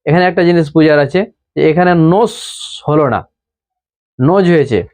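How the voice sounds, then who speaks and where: A man's voice: fairly high pitch, darkish tone. Patient man teaching English letter sounds. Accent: Bengali. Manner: slow, patient, repeats rules and examples. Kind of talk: pronunciation lesson.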